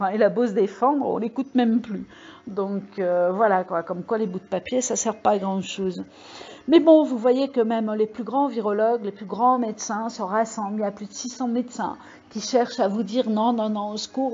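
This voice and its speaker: A woman talks straight to her viewers in a loose, rambling monologue, full of hesitations and pointed warnings. The recording sounds a bit dull and lo-fi. Her pitch is mid-range. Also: creaky, a little mellow. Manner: rambling, many fillers, emphatic warnings. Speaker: video channel host. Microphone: microphone. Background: computer mail alerts.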